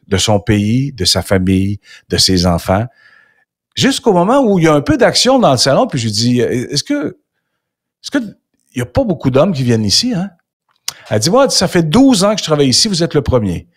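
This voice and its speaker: A man's voice: mid-range voice, sing-song, moderate pace. An older man with a Québécois accent hosting an interview, telling a personal anecdote with lots of quoted dialogue. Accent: Québécois French. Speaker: interview host. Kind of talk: casual storytelling interview.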